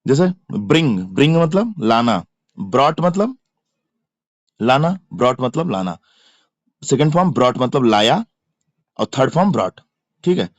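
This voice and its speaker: A man with an Indian accent teaches English verb forms in an exam-prep lesson, repeating each form and spelling its letters. He speaks slowly, and his pitch leaps up and down as he drills. The recording is dry and a little dull. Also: dry recording. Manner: repetitive chanting of word forms, spelling letters aloud.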